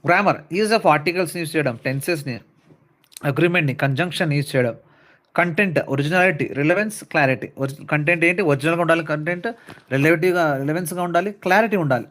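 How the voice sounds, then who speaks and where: A man's voice: on the high side, fairly bright tone. Man lecturing on English writing skills. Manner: explains in Telugu, reads English slowly and deliberately; checks in with "right" and "fine" often. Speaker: English teacher. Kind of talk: classroom lecture.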